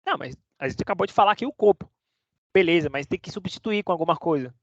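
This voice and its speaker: A man's voice: high voice, expressive, quick pace, no echo. A man teaching a casual online lesson, chatty, checking in with the class every few words. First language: Portuguese. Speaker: Spanish teacher. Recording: dry, dull lo-fi sound.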